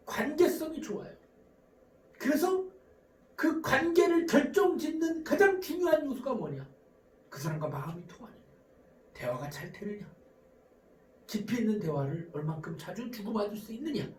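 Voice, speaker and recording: A psychology professor lectures to camera with a lively, swinging pitch, often posing rhetorical questions and answering them. Quick questioning asides keep breaking in. The voice sounds far from the mic, with plenty of room echo. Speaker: psychology professor giving relationship advice. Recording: roomy sound from a distant mic.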